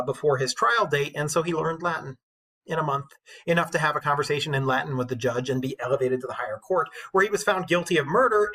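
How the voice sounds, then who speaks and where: Pitched fairly high this time, the husky-voiced man comes across bright and forceful. He is still an English teacher lecturing informally and eagerly, telling stories in casual language.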